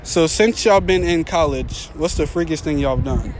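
A man's voice: on the high side, normal speed, background noise. A young man hosting casual public interviews outdoors on a campus, joking and slangy. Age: young adult. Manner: laid-back, joking, slangy. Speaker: host, street interviewer. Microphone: handheld phone mic.

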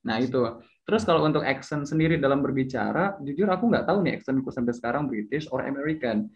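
A man's voice: medium pitch, animated, quick pace. A young man in casual chat, explaining things while often stopping to correct himself. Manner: chatty, hesitant, self-correcting with fillers. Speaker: speaker sharing English tips. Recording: slightly dull lo-fi audio.

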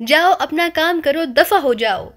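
A woman's voice: high voice, animated, a bit bright. A woman voicing a harsh, blustering middle-aged male club manager who barks orders, in an audiobook reading. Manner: harsh, commanding.

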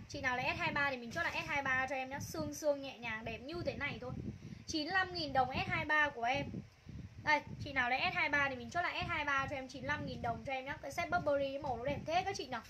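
A woman's voice: high-pitched, background noise. A woman runs a live clothing sale, calling out prices and item codes over and over in a gushing sales patter. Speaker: livestream clothing seller.

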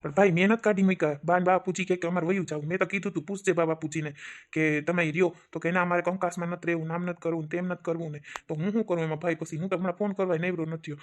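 A woman's voice: fairly low pitch, fairly even intonation, close to an everyday voice. A woman playing a tired, defensive older brother in a comic family skit, with a Kathiyawadi Gujarati accent. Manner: defensive, tired, quick-talking. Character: weary older brother, a harried village farmer.

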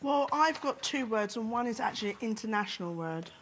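A woman's voice: fairly high pitch, lively intonation, a little fast, fairly bright tone, a little hiss or hum. A woman joking around as a panel show guest, in a playful, laughing, emphatic way. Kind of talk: jokey panel show banter.

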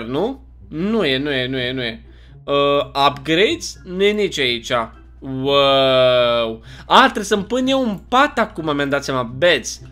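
A young man with a Romanian accent, chatty and jokey, giving casual commentary while playing a video game. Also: high voice. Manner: chatty, animated, jokey, often puzzled and exclaiming. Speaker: gaming YouTuber.

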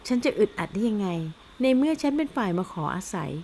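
A woman voicing a sweet, bright young woman who speaks politely in an audio novel. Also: a little high, sing-song, quick pace, a little hiss or hum.

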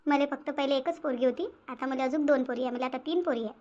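A woman's voice: high-pitched, fast, darkish tone, dull audio, slight background noise, close to an everyday voice. A woman voicing a fussing village mother. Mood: fond. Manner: fussing, insistent, repeats herself. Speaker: voice actor. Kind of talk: cartoon voice acting.

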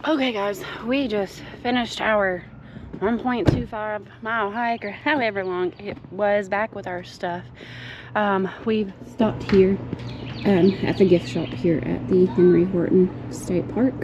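A woman's voice: medium pitch, steady tone, a little slow, lo-fi sound, background noise. A woman in her thirties, a mother, chatting casually to the camera on a family camping vlog. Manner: chatty, easygoing narration to camera. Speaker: vlogger, mother. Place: campsite outdoors, then park gift shop.

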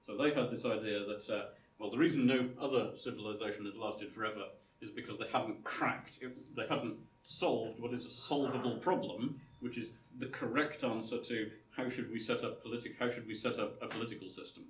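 A slightly fast, steady-toned man of medium pitch lectures a class informally with slides, rambling and hesitant with many ums, restarts, and dry humor. He sounds far off and roomy, as if recorded across a hall, in dull lo-fi audio with faint hiss.

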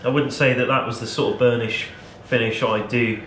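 A man in his thirties, a channel host, talking in a relaxed, practical way as he demonstrates a craft in a cluttered indoor workshop, picked up by a camera mic at a distance. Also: mid-range voice, moderate pace. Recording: echoey workshop with background noise.

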